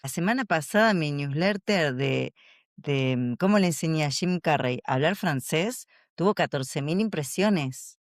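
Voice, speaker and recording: A woman, a communication coach answering interview questions in an animated, storytelling way. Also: low-pitched, measured pace, no echo, studio quality.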